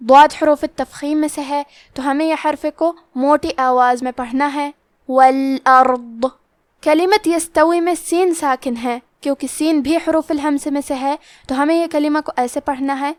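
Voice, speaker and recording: High-voiced woman teaching Quran recitation. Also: steady tone, a little mellow, no echo, studio quality. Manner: explains rules plainly, then recites words slowly and drawn out. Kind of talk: tajweed lesson with slow recitation.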